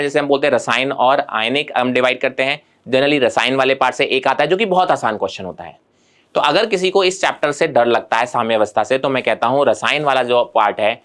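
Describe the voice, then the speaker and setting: A man's voice: mid-range voice, a bit bright. A man teaching an exam-preparation lesson in Hindi mixed with English terms, speaking straight to his students in a reassuring way.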